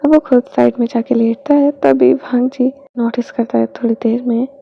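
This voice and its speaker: A woman reading a romance fanfiction aloud, slow and dropping to a whisper in tender moments. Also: a little high, steady tone, gravelly, husky. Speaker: story reader. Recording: dull lo-fi recording.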